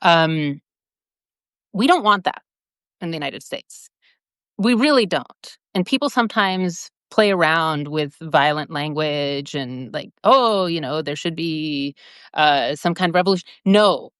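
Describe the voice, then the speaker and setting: A woman's voice: low-pitched, expressive, measured pace, fairly bright tone, clear, resonant tone, no echo, studio quality. A woman from Peru, a democracy advocate, speaking earnestly and urgently as a guest in a political discussion.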